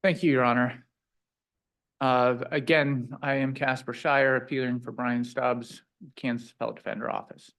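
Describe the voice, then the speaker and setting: A man's voice: mid-range voice, level tone, normal speed, fairly bright tone. Male defense attorney, mid-range voice, formal appellate argument.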